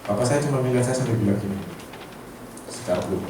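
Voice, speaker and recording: A man telling stories to fellow insurance agents, acting out the dialogue in a lively way. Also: medium pitch, very fast. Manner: animated, acts out dialogue, mixes in Javanese words. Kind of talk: motivational storytelling talk. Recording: echoey room, far from the mic, faint noise.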